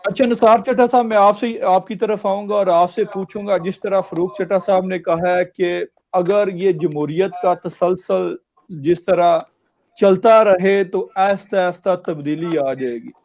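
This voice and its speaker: A man's voice: high voice, steady tone, unhurried, a little mellow. A man hosting a talk show, asking a guest long formal questions over a call while his voice keeps cutting out on a bad connection. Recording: muffled lo-fi call audio with faint hiss.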